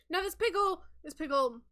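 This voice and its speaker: A woman's voice: very high-pitched, a bit bright. A woman improvising a cartoon story as host, rambling casually with lots of fillers.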